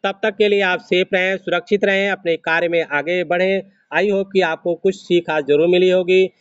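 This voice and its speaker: High-voiced man giving a motivational talk. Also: fairly even intonation, moderate pace, smooth, no echo. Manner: preachy, repeats phrases for emphasis. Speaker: motivational speaker. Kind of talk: motivational speech to an audience. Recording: dry, dull lo-fi sound.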